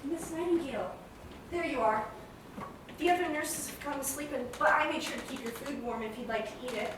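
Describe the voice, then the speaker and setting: Woman acting a high-voiced junior nurse, distant and echoey. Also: fairly quick, close to an everyday voice. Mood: concerned. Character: considerate, deferential junior wartime nurse. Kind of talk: stage play dialogue. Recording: echoey, distant stage mic, noisy.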